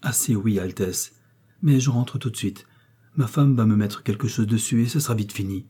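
A wounded forest guard from a spoken novel, quiet and resigned. His voice is low, dark and husky, read by a male narrator in his own register. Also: moderate pace.

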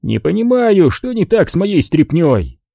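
A man's voice: sits high, big pitch swings, normal speed, vocal fry, warm tone, husky, dry recording, clean studio sound, pitched above the performer's own voice, full character voice. A man voicing an easygoing, chatty older café owner, wheedling and jokey, in an audiobook. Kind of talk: audiobook character voice.

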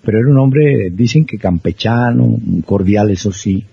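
A man hosting a radio show, explaining things in a relaxed way to his co-host. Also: lowish voice, moderate pace, gravelly, breathy edge, no echo. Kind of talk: conversational radio commentary. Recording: dry, dull lo-fi broadcast.

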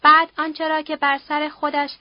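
A woman reading a novel aloud as an audiobook narrator in a steady, somber storytelling manner. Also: sits high, dry recording, muffled recording. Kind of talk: scripted narration.

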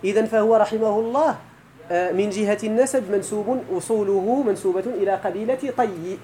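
A man with a Moroccan accent teaching an Arabic grammar lesson, chanting verses slowly and quizzing his students. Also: high-pitched, mellow, slight background noise, low-quality recording.

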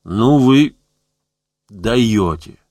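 A man voicing a tortured male captive who shouts back in manic defiance. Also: on the low side, animated, very slow, dry recording, full character voice. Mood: defiant. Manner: shouting wildly, mocking.

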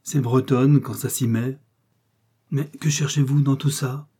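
A man reading the lines of an agitated young female circus rider in a raised, quick voice. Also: steady tone, mellow, breathy edge. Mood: furious. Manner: agitated, quick, high-pitched.

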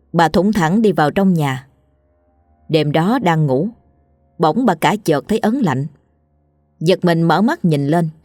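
A woman storyteller narrating a scripted ghost story in a steady, grave way. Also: lowish voice, dry recording, studio quality.

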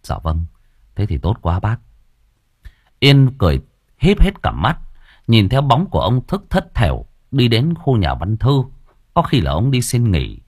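Lively, low-voiced male storyteller. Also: breathy edge, no echo, studio quality. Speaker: audiobook narrator. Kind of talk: storytelling narration.

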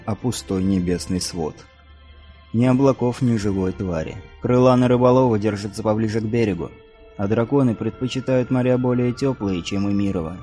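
Low-voiced man narrating an audiobook. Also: dark tone. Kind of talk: scripted narration.

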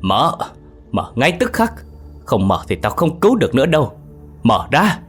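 Male narrator voicing a shrill, unhinged possessed woman barking orders in a spoken ghost story. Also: wildly swooping pitch, moderate pace, a bit bright, slightly rough, soft background music, exaggerated voice. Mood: frantic commanding. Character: frenzied possessed middle-aged woman, commanding.

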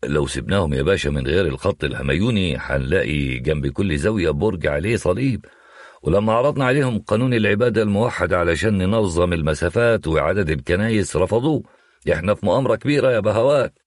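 A man voicing a male police officer with an Egyptian accent who talks fast and agitated, insisting on a conspiracy. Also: low voice, expressive, dry recording, clean studio sound. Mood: alarmed.

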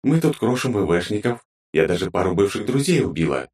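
A man voicing a brisk lizard-like female warrior who answers curtly and with mockery. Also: on the low side, sing-song, a little mellow, pitched above the performer's own voice.

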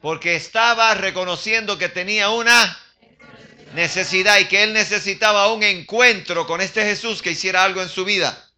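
An older man preaches to his congregation in a lively, questioning way and now and then drops into English phrases. His voice sits high and sounds very bright and cutting. He sounds like a pastor at the pulpit of a church. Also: normal speed. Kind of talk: sermon.

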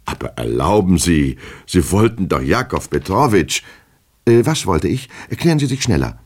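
A man's voice: low-pitched, very animated, normal speed, darkish tone, pitched above the performer's own voice. A man voicing a nervous, fawning official who stammers and pleads, in an audiobook reading. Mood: pleading. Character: nervous, fawning male official, anxious and flustered.

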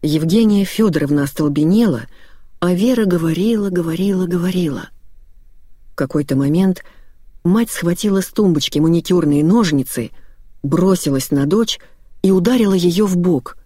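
A narrator reading a dark dramatic story in a steady storytelling voice. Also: mid-range voice, normal speed, husky, no echo, clean studio sound. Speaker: audiobook narrator.

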